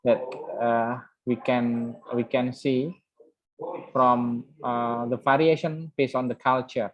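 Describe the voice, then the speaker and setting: A man with an Indonesian accent giving a classroom lecture. He switches between Indonesian and English, restarts halting phrases, and quizzes the class. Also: medium pitch, flat delivery. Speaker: university lecturer. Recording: dull lo-fi recording.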